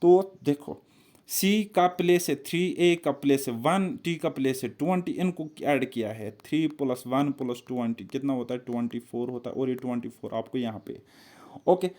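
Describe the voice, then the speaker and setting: Mellow-voiced male exam tutor. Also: medium pitch, normal speed. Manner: repetitive, step-by-step, quizzes the viewer. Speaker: exam-prep teacher. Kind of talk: explaining reasoning puzzles on a board.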